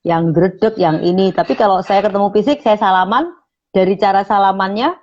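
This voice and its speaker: The speaker is a woman radio station manager with a brisk, mid-range voice, explaining public speaking in an online interview. She says "nah" a lot and demonstrates sample phrases, and the call audio sounds muffled.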